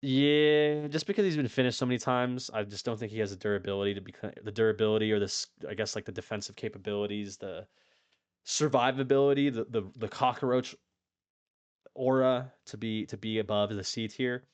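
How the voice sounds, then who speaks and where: A man's voice: lowish voice, steady tone, brisk, clean tone, no echo. A man giving casual, opinionated commentary on fighters, talking in a rambling way with lots of swearing and restarts. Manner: rambling, profane, frequent restarts. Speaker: YouTube MMA commentator.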